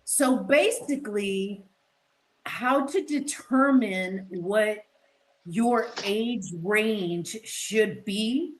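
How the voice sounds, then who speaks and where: A woman co-hosting a podcast, chatting casually in a loose, animated way with frequent restarts and swearing. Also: medium pitch, very slow, low-quality recording. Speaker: podcast co-host. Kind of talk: casual chat.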